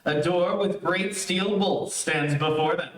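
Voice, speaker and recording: A man's voice: high voice, unhurried, a bit bright. A man reading scripted narration for an old-time radio adventure serial. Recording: echoey, distant streamed stage audio.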